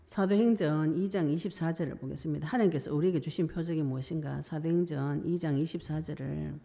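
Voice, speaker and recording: A woman's voice: low-pitched, fast talker, gravelly, warm tone. A woman preacher, giving a colloquial sermon and acting out the voices she quotes.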